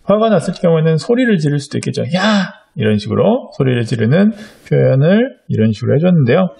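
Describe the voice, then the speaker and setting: A man's voice: fairly high pitch, very animated, fast talker, gravelly, mellow, husky. A middle-aged man teaching a drawing lesson to young children, explaining patiently step by step with frequent fillers. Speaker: art teacher.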